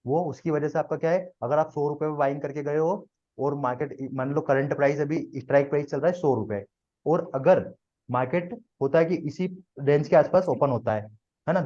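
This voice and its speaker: A man's voice: fairly high pitch, brisk, mellow, muffled recording. A man teaching a live trading class to students, explaining step by step and often checking that they follow.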